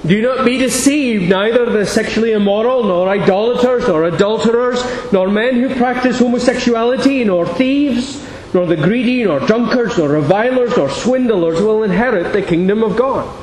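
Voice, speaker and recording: A man preaching as pastor, reading scripture in a measured, deliberate way into a pulpit microphone. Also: high-pitched, darkish tone. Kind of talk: sermon with scripture reading and prayer. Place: large church sanctuary. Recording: echoey church hall with long reverb, faint hiss.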